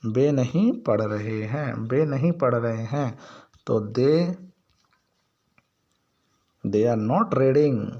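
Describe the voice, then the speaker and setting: A man teaching a grammar lesson, explaining step by step and asking and answering his own questions while he repeats example sentences slowly. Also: medium pitch, gravelly, a little mellow, highs cut off. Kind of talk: Hindi grammar lesson for learners.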